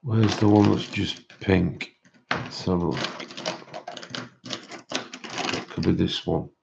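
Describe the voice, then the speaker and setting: Low-voiced man, dull lo-fi sound. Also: slow, gravelly, noisy background. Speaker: livestream host. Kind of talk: casual chat with livestream viewers.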